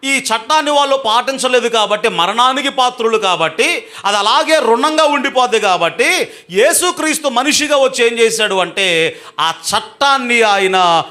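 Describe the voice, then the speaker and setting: ఎత్తైన, పదునైన గొంతుతో చర్చిలో సంఘానికి ఉద్రేకంగా ప్రసంగించే పురుష pastor. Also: male voice, extremely high pitch, expressive. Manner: emphatic, urges the congregation to respond loudly; swings between slow drawn-out and fast speech. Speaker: pastor. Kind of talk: sermon to a live congregation. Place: church hall with a congregation.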